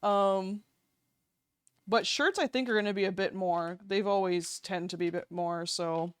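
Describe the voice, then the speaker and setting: A woman's voice: medium pitch, a little slow, clear, resonant tone, dry recording. A young woman streaming while she draws, chatting casually, giggling and swearing easily. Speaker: streamer and artist. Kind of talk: casual live-stream chat while drawing.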